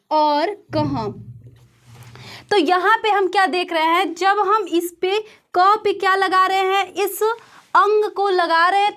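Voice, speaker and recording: Woman teacher, very high voice, question-and-answer explaining style for a grammar lesson. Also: fairly bright tone. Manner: explains step by step, asks and answers her own questions.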